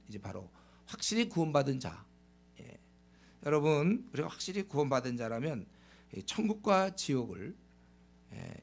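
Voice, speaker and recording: A man's voice: mid-range voice, gravelly. A male pastor preaching a Sunday sermon with passion, sometimes acting out imagined conversations. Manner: impassioned preaching, acts out dialogue.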